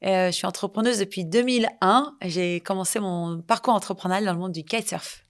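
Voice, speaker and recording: A woman from France, an entrepreneur guest in a podcast, explaining things lively with everyday examples. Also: medium pitch, a little fast. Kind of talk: casual interview.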